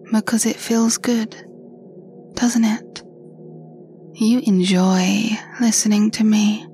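Female voice for ASMR role-play: breathy, seductive, unhurried soft voice right in your ear, close mic, soft music underneath. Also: mid-range voice. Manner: slow, seductive, teasing. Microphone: close to the mouth, made for headphones.

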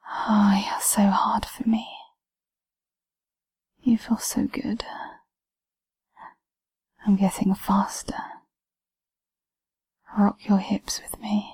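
A woman whispering throughout in an intimate audio roleplay, giving slow, commanding instructions. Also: mid-range voice, dark tone, breathy edge.

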